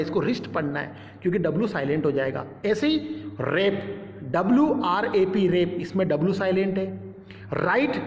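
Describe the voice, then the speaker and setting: High-voiced male teacher in an echoey room. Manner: explains step by step, spells letters aloud and repeats words. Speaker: English teacher. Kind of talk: classroom-style lesson. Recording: echoey room with long reverb.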